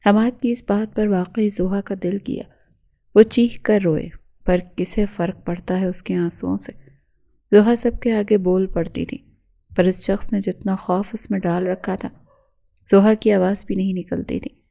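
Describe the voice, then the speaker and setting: A woman's voice: mid-range voice, steady tone, creaky, warm tone. A woman narrating a romance novel aloud in a dramatic, emotive reading.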